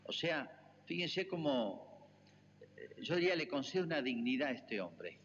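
An Argentine priest delivers a homily with a lively, rising and falling voice, turning often to his listeners. His words ring out with a long church reverb, and the recording sounds muffled and lo-fi. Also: mid-range voice, unhurried, a little hiss or hum. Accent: Argentine Spanish. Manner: earnest preaching, addresses the congregation directly.

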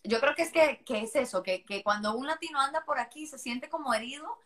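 Talking a little fast in a high, fairly bright voice, this woman from Costa Rica describes her missionary work in lively, casual conversation. Her accent mixes Costa Rican and Spanish features.

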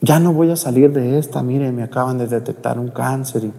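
A man's voice: mid-range voice, flat delivery, a little fast, creaky, mellow, long reverb tail, lightly acted. A priest voicing a regretful dying old man. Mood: sorrowful, regretful.

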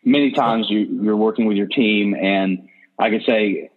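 A man in a casual group discussion, giving coaching examples in a relaxed way. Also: on the low side, normal speed, phone-quality sound.

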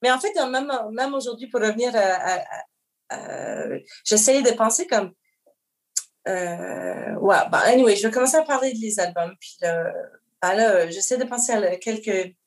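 A woman's voice: a little high, normal speed. Rambling Québécois woman musician. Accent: Québécois French. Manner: rambling, frequent fillers and restarts; mixes in English words. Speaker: guest musician. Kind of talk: casual chat.

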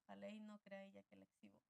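A woman's voice: mid-range voice, monotone, fairly quick, creaky, a little mellow, no echo, low-quality recording. A woman, a church member and interview guest, reflectively telling a personal story and often closing phrases with a questioning tag.

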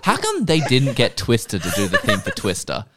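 A man's voice: mid-range voice, huge pitch swings, moderate pace, heavy background noise. A man co-hosting a casual chat podcast, swearing freely and laughing often as he recaps a TV episode. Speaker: podcast co-host.

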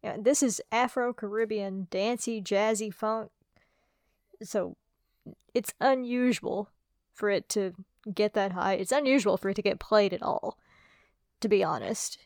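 Casting: American woman, mid-pitched, dry close mic, upbeat music-review co-host. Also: a little slow, pauses often, darkish tone, no room sound. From United States. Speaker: podcast co-host reviewing albums. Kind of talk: casual music review chat.

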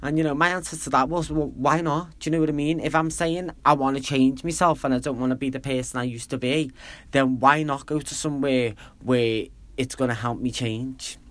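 Liverpool-accented man in his thirties, a chatty podcast storyteller who rambles and pokes fun at himself, mid-pitched voice. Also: steady tone, fairly quick, fairly bright tone, no room sound. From Liverpool, England. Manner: rambling, chatty, self-deprecating. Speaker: podcast host. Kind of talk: casual solo storytelling.

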